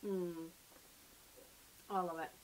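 A woman's voice: on the low side, level tone, slow. A Scottish woman in her thirties, co-hosting a casual beer review from a sofa indoors, chatty and enthusiastic. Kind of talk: casual chat. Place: living room sofa, indoors. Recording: faint hiss.

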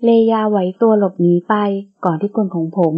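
A soft-spoken young sheikh, read by a woman in an audiobook romance, coaxing and earnest as he pleads. He talks slowly, in a voice pitched lower than the reader's own. The sound is dull and lo-fi. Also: close to an everyday voice. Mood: calm.

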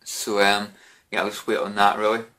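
Speaking to camera from a small bedroom at home, a drunk young British vlogger rambles casually and repeats himself, often saying "you know." His voice is lowish and monotone at a moderate pace, over a noisy background.

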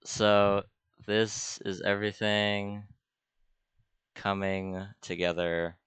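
Low, slow-talking young man with a crisp tone. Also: flat delivery, fairly bright tone, no room sound. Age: young adult. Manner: offhand, self-deprecating, thinking aloud. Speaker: art student giving a tutorial. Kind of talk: casual screen-recorded tutorial.

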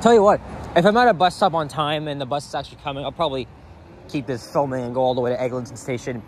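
A young man with a medium-pitched voice talks fast, rambling casually while he vlogs on a walk down a city sidewalk with a handheld camera. Street traffic noise, passing cars and general street ambience fill the background.

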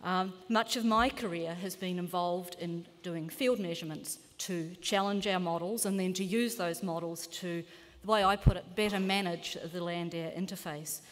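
A woman in her fifties with a New Zealand accent, giving a measured, earnest keynote lecture as a climate scientist in a large lecture hall. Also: lowish voice, steady tone. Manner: measured, earnest, occasional self-corrections. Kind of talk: formal conference lecture. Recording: long hall reverb.

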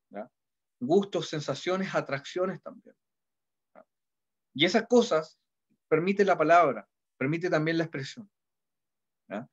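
A middle-aged Chilean man teaches a literature class in an easy conversational manner. His voice sits somewhat high, and he keeps pausing to ask the students whether they follow. The recording sounds dull and lo-fi. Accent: Chilean Spanish. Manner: conversational, repeats ¿ya? to check in with students. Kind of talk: classroom lecture.

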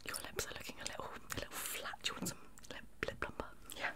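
A young adult woman whispers through a chaotic, fast-paced makeup artist role-play for ASMR. She speaks aggressively and repeats words, right up against a fluffy-covered mic in a small indoor bedroom.

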